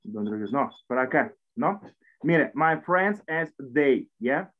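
A Russian-speaking man teaches an online English class in Spanish, his medium-pitched voice slow and expressive over a tinny, phone-like call. He explains things carefully, often using tag questions and restarting his sentences.

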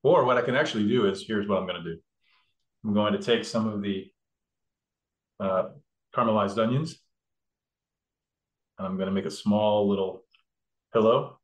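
At a normal speed but with frequent pauses, a lowish-voiced man demonstrates a recipe in his kitchen. His casual explanations of each step include lots of fillers and restarts, and the room echoes.

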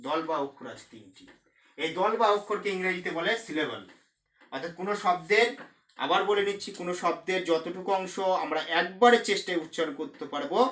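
Bright high-voiced male teacher, echoey room. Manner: explains slowly, repeating key terms. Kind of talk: recorded classroom lesson.

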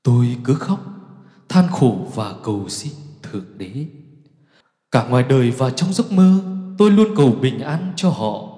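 Man from central vietnam reading lament verses, dark mellow voice, big echoey room. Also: mid-range voice, big pitch swings, measured pace. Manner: lamenting, declamatory, rising to cries. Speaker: spiritual teacher. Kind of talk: recited verse narration. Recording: echoey long hall reverb.

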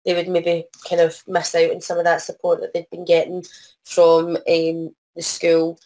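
A Scottish woman with a lowish, croaky voice, full of a cold, gives an informal presentation over a video call. Her pitch moves little, and she is hesitant and apologetic, often breaking off and starting again. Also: completely flat delivery, moderate pace, warm tone, rough recording. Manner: hesitant, apologetic, frequent self-interruption. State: has a cold. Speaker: presenter, arts organisation producer.

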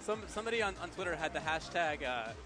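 A young man co-hosting a casual chat, animated and laughing often, with lots of fillers. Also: a little high, fast, over music. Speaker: co-host.

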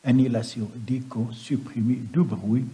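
Very husky man presenting a software tutorial. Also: medium pitch, fairly even intonation, measured pace. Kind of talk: step-by-step screen-recording tutorial narration. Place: voice-over on a computer screen recording.

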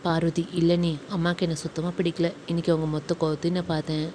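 A woman voicing Parvathi, a hurt young wife who speaks softly and pleadingly. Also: on the low side, level tone, quick pace, slight background noise, natural voice. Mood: tearful.

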